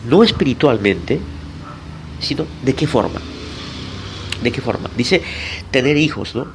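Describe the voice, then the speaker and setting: A man preaching as a pastor in a Bible teaching sermon. He talks deliberately, asks and answers his own questions, addresses listeners directly and spells out Greek words letter by letter. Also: medium pitch, vocal fry, background noise.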